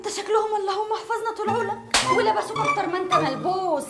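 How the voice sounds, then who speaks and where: A woman's voice: very high-pitched, very fast, loud music behind the voice. A woman playing a sassy Egyptian young woman. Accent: Egyptian Arabic. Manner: sassy, bickering. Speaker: actress in amateur comedy film.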